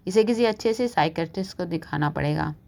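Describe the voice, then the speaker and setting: A woman's voice: lowish voice, fast talker, vocal fry, a little mellow. A woman doing a teasing middle-aged husband. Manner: joking, easygoing.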